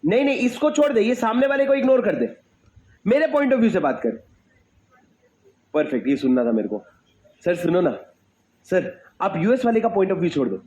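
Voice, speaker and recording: A young male teacher lectures a classroom in a high, ringing voice. He talks emphatically, repeats his questions and calls out to students at the back. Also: very animated, normal speed, pauses often, a little mellow, dull audio.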